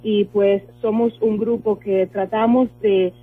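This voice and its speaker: A husky-voiced woman with a Dominican accent, speaking as a lawyer and guest. She explains earnestly, leaning on examples and plenty of fillers. Her voice comes through a tinny phone line, with faint music behind. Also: medium pitch, level tone, slow pace. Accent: Dominican Spanish. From Dominican Republic. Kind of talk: radio interview over the phone.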